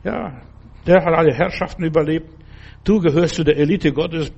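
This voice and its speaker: An older man preaching a sermon, repeating his exhortations earnestly and dropping at times to a soft, slow, reassuring tone. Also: fairly high pitch, vocal fry, husky, dull audio.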